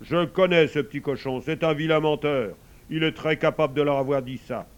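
A man reading a storybook and voicing the sun as a calm, kindly but firm man. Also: fairly high pitch, brisk, lo-fi sound, pitched above the performer's own voice, close to an everyday voice. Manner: calm, assured, gently firm.

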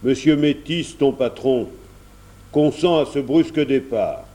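A man voicing a kindly, fatherly gentleman in a storybook reading, speaking gently and encouragingly. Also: mid-range voice, slow, close to an everyday voice.

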